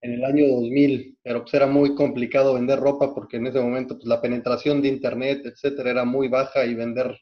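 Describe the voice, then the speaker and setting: Mexican man, mid-pitched, steady and methodical, frequent restarts, dull lo-fi sound; podcast guest. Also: brisk, hardly any pauses. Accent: Mexican Spanish. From Mexico City. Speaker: guest, hospital executive. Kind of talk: podcast interview, recounting career.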